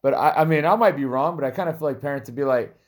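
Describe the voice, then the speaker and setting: A man's voice: fairly high pitch, racing. A man hosting a casual podcast interview in a joking, conversational way. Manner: joking, acts out imagined remarks. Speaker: podcast host.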